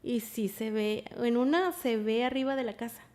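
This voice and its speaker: Woman on a podcast spilling a creepy story, kinda high voice, gets lively then drops real soft. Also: normal speed. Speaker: podcast guest. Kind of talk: casual storytelling.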